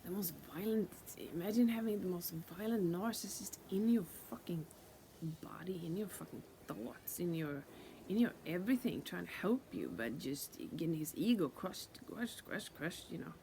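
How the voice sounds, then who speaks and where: A woman telling her own story in a casual, halting way, with lots of fillers, restarts and swearing, and repeating words for emphasis. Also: fairly low pitch, animated, gravelly, mellow, a little hiss or hum.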